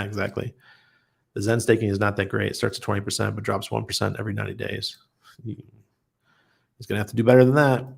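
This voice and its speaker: On a casual livestream, a man with a lowish, gravelly voice reads viewer comments out loud. He answers them bluntly and chattily, often breaking into laughter.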